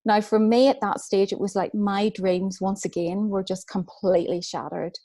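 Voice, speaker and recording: Northern irish lady, middle aged, soft reflective storytelling, talks with little restarts. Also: medium pitch, fairly even intonation, normal speed. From Northern Ireland. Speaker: guest speaker, author and book coach. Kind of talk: personal storytelling.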